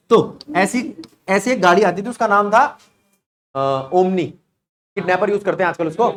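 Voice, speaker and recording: Chatty man teaching a physics class. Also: a little high. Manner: chatty, jokes and stories, quizzes students. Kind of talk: classroom lecture.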